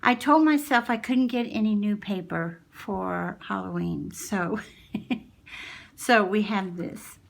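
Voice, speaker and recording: A woman's voice: mid-range voice, takes it slowly, gravelly. A woman chatting casually and affectionately as she presents a handmade craft project to her viewers. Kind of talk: casual craft show-and-tell.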